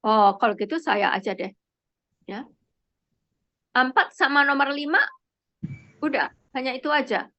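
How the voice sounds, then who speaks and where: A woman leading an online prayer meeting on a video call, calling on each person gently by name. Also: high-pitched, expressive, measured pace, pauses often, lo-fi sound.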